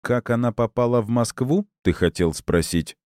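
A man voicing a smug, cynical police colonel who speaks in measured, sarcastic, deliberate words. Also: mid-range voice, darkish tone, clear, resonant tone, no room sound, clean studio sound, voice pushed up, close to an everyday voice. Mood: cold, sarcastic.

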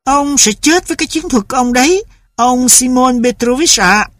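A man's voice: very high voice, normal speed, no echo, studio quality, voice pushed up. A man voicing a stern, impatient mother who scolds her husband and son. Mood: scolding.

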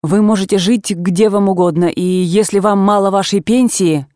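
A woman reader voicing a weary estranged husband who speaks in a flat, restrained, toneless way. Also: medium pitch, moderate pace, no room sound, clean studio sound, lightly acted. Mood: cold.

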